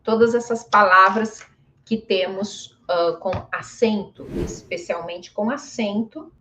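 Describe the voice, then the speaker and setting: A woman's voice: medium pitch, a bit bright. A woman teaching pronunciation in a casual lesson, patiently repeating example words and often asking "né?". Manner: patient, drawn-out examples, frequent "né?". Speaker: Portuguese teacher. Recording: dull lo-fi audio.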